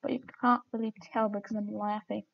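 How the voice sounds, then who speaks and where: A woman's voice: medium pitch, level tone, a little fast, creaky, highs cut off. A woman streaming her gameplay, chatting casually and mocking herself with giggles as she plays.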